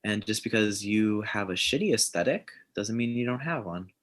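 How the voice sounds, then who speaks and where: A man's voice: lowish voice, expressive, normal speed, fairly bright tone. A man who is a guest on a casual podcast, rambling and searching for his words.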